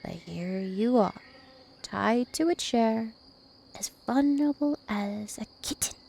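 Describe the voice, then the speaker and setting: Her voice pitched on the high side, animated and exaggerated, this woman drawls slowly with vocal fry and a touch of mellowness. She voices an imperious, two-thousand-year-old vampire princess for ASMR roleplay, dominant and taunting, dripping with scornful, teasing menace.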